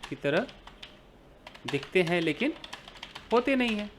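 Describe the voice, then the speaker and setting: A man's voice: sits high, big pitch swings, unhurried, noisy background. A man teaching an English grammar lesson in Hindi, explaining with everyday examples and asking and answering his own questions.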